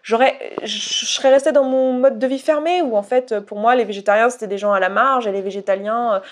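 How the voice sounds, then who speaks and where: A woman's voice: on the high side, fairly quick. A young woman from Haute-Savoie talking candidly to camera in a casual vlog, with many restarts and fillers. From Haute-Savoie, France. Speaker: YouTuber.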